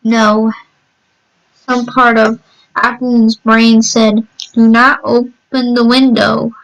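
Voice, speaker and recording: A woman narrating a scripted horror story, reading haltingly and often repeating words as she goes. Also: a little high, rough recording.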